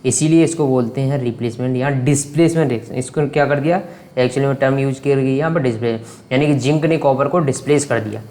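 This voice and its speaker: A man's voice: medium pitch, quick pace, a little mellow. A man teaching a science lesson online in a chatty, theatrical way. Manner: chatty and theatrical, sings and hums while working.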